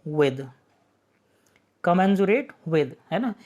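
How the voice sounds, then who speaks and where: A man's voice: high voice, expressive, very slow, a little mellow. A male teacher walks students through an online exam-prep vocabulary lesson. He explains each word patiently, poses rhetorical questions and answers them himself, and keeps checking that his students are following along.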